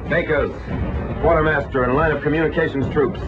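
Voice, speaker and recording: A man's voice: fairly high pitch, steady tone, a little fast. Man narrating an old wartime newsreel. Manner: grave, declamatory delivery. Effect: old newsreel recording. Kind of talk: scripted 1940s newsreel narration. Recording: lo-fi 1940s newsreel soundtrack with loud music.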